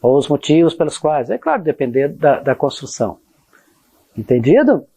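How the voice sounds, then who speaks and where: A woman's voice: low voice, big pitch swings, normal speed, mellow, breathy edge. A woman teaching a grammar lesson to her students, explaining each point and checking they follow, and reading example sentences aloud with exaggerated intonation. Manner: explanatory, addresses students directly with frequent checks like "tá?" and "ó". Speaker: Portuguese teacher.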